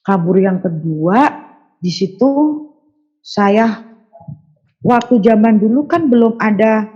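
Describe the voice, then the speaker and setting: Husky woman telling a story. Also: takes it slowly, mellow, lo-fi sound. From Sundanese region of West Java, Indonesia. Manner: acts out quoted voices with big jumps in pitch. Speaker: guest giving a testimony. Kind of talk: animated personal storytelling.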